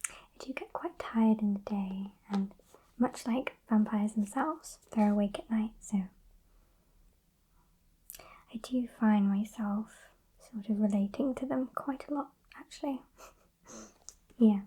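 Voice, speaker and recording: A British woman playing a gentle, bookish librarian in a whispered role-play, murmuring softly and unhurriedly in a breathy whisper. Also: mid-range voice, measured pace, rough recording. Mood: gentle, chatty. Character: sweet, gentle, bookish woman librarian working late nights. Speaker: ASMR performer.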